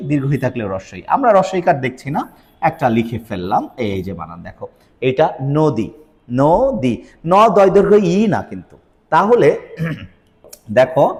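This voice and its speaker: A man's voice: a little high, a little mellow, in a large hall. A man teaching pronunciation rules, explaining step by step and quizzing his students. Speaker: Bangla grammar teacher. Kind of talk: recorded video lesson.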